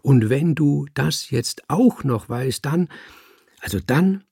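A man reading aloud voices a playful young tomcat who muses about odd questions with his brother, in a gravelly, husky voice. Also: mid-range voice, expressive, slow, warm tone, dry recording, studio quality, heavily acted.

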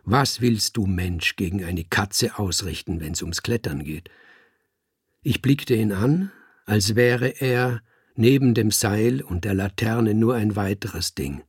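A man narrating a first-person story in a measured, vivid reading style. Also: on the low side, husky, no room sound, studio quality.

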